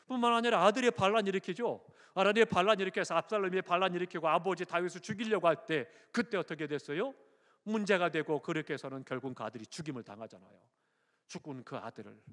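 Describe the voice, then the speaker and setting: A male pastor preaching a sermon, surging to loud high emphasis and dropping to soft, low passages. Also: long reverb tail. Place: church sanctuary.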